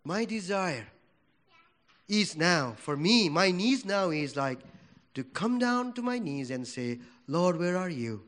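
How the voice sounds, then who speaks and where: Speaking slowly in a high-pitched, animated voice, a man from Nepal preaches a church sermon with a Nepali accent; English isn't his first language. He shifts between loud pronouncements and quiet prayer.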